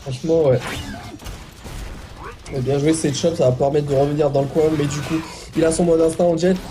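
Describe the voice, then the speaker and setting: Excitable man commentating a fighting game. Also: on the high side, soft background music. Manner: excitable, drawn-out exclamations. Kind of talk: live game commentary on a stream.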